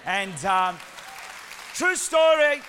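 Preaching as a guest in church, a man with a mixed Sri Lankan and New Zealand accent gives a lively, humorous sermon and calls for the congregation's responses. His voice sits high and moves extremely slowly. Some chatter sounds in the background, along with a little hiss or hum.

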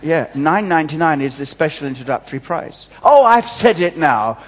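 A man's voice: fairly high pitch, expressive, normal speed, a faint crowd. A man leading church notices at a pulpit microphone, joking and chatty as he talks to his congregation. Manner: jovial, self-mocking, chatty. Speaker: church service leader giving announcements. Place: large church hall. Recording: long church hall reverb.

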